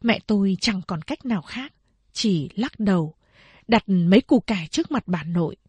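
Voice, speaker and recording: Husky-voiced woman narrating a novel. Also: medium pitch, expressive, moderate pace, a little mellow, dry recording. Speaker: audiobook narrator.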